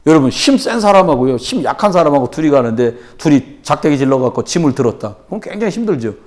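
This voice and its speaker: A man preaching at a church prayer meeting, telling stories and acting out quoted voices, dropping to low murmurs and then rising to loud exclamations. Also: sing-song, fast talker. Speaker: pastor. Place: church sanctuary.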